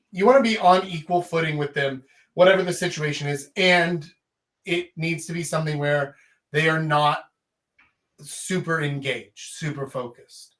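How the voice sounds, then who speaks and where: Higher-pitched man coaching informally. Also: a bit bright. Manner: emphatic, checks in with "right?", casual swearing. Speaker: host, dating and life coach. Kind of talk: informal live coaching talk.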